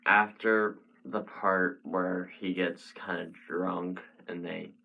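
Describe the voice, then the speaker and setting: A man's voice: low voice, flat delivery, slow, creaky, phone-quality sound. A young man, a friend of the host, talking loosely about a film's plot. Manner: loose, offhand, trailing sentences. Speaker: guest friend. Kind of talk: casual spoiler discussion.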